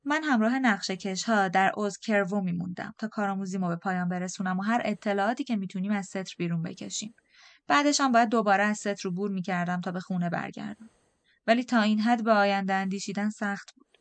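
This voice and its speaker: A woman reads a novel aloud in the first person, calm and measured. Her voice sits at a middling height and is recorded dry and close, with no room sound. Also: mid-range voice, dry recording. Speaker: audiobook narrator. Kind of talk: first-person audiobook narration.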